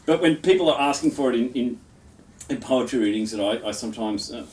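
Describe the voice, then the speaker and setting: A man's voice: medium pitch, animated, brisk, darkish tone, distant mic. Rambling man in his fifties. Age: 50s. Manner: rambling, full of restarts and chuckles. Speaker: poet. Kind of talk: poetry reading then casual chat. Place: his home.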